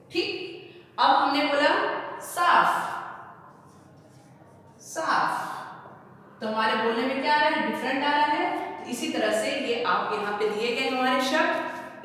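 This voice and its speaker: A woman's voice: sits high, fairly bright tone. A woman teacher giving a Hindi grammar lesson to young pupils. She asks questions and then answers them herself, drawing out the sounds. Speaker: primary school teacher. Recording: echoey room heard from a distance.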